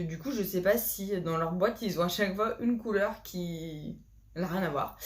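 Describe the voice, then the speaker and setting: A woman vlogger chatting casually about her new coloring supplies, hesitant and full of fillers and restarts. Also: medium pitch. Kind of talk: casual chat to camera.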